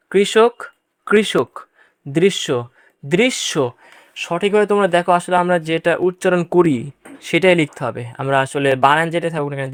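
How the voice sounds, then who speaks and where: In a clean studio recording without room sound, a man with a slightly high, clean-toned voice runs a Bangla pronunciation lesson aimed at exams. He speaks right to the students, patiently repeating examples and emphasizing frequently tested points.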